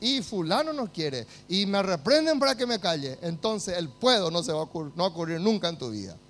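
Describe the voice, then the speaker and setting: A man with a Paraguayan Spanish accent, preaching a sermon as pastor, swinging from hushed lines to loud, emphatic calls. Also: high voice, big pitch swings, brisk.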